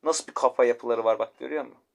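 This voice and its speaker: A man's voice: medium pitch, quick pace, creaky. A man ranting and swearing while commenting on his mobile game match, repeating himself as he complains. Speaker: gamer. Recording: noisy gameplay recording.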